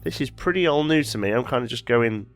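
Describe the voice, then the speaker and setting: A man with a touch of a head cold hosts a let's play, expressive and brisk in a mid-range voice, soft music behind him. He thinks aloud as he builds and often corrects himself partway through sentences.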